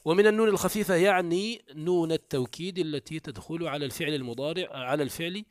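A man giving a classroom lecture on Arabic morphology, explaining step by step, asking quick comprehension questions, and reciting rhymed prose examples. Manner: shifts often between raised emphatic and low quiet delivery.

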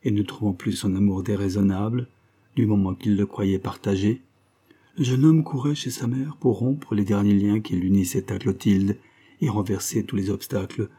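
A man narrating a nineteenth-century love story in a steady, even-toned reading. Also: lowish voice, normal speed, husky. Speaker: audiobook narrator. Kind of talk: scripted literary narration.

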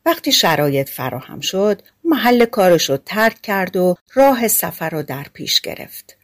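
Calm woman narrating a fairy tale. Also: medium pitch. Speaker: audiobook narrator.

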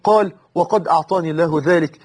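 Egyptian male preacher, sermon, husky voice, fast delivery, impassioned. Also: darkish tone. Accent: Egyptian Arabic. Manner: emotional, swears oaths, rises to high impassioned pleas.

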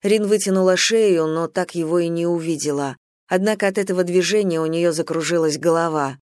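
Measured audiobook narrator, dry sound. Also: medium pitch, a little mellow, no echo. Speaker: audiobook reader. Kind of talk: scripted narration.

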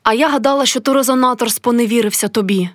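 A woman's voice: on the high side, steady tone, slow pace, dry recording, clean studio sound. Woman reading as a carefree young woman. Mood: relieved.

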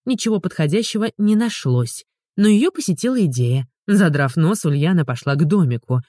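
A woman narrating an audiobook in an expressive, storytelling manner. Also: fairly low pitch, normal speed, dry recording, clean studio sound.

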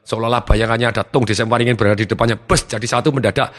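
A man giving a motivational seminar talk, energetic and acting out his students' lines. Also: medium pitch, racing, long reverb tail. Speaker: motivational trainer.

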